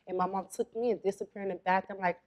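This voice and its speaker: Young adult woman from Florida, interview guest, relaxed storyteller, mid-pitched voice. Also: quick pace. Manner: relaxed storytelling, quotes her mother. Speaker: spa owner, guest. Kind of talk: casual interview talk.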